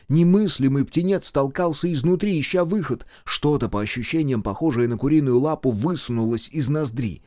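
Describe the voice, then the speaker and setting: A man narrating a horror audiobook in a dramatic, expressive way. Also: medium pitch, no room sound, studio quality. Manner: dramatic, acts out characters.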